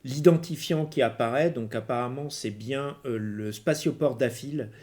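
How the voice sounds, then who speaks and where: A man with a mid-pitched voice narrates a tabletop game as game master. He improvises as he goes, hesitating and searching for words. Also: moderate pace, a little mellow.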